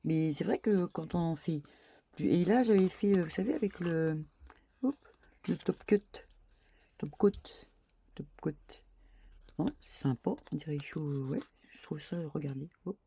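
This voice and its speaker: A woman's voice: sits low, moderate pace, mellow, husky. A woman craft vlogger chatting casually to her viewers, thinking aloud and dotting her talk with little "hop" and "voilà".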